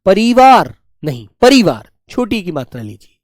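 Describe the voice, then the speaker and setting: A male teacher giving a spelling class, dictating words slowly and repeating each one, talking to pupils in a fatherly way. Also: sits high, clean tone, no echo, studio quality. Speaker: Hindi teacher.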